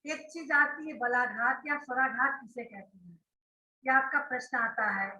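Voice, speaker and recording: A woman's voice: high voice, normal speed, bright, forceful tone, roomy sound, highs cut off. A woman schoolteacher giving an online grammar class, explaining step by step and often checking that her students follow. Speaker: school teacher.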